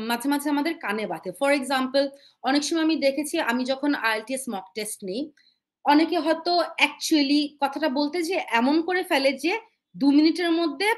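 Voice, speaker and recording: A woman teaching an IELTS speaking webinar. She mixes with English phrases and slows down to read the English points aloud. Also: sits high. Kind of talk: live webinar lesson. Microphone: webinar microphone.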